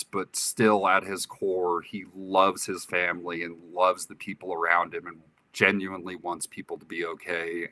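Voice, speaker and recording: A man in his late thirties, a guest in a casual interview, speaking earnestly and candidly in short, halting phrases. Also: sits low, sharp tone, dry recording. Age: 30s. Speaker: podcast guest. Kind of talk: casual reflective interview talk.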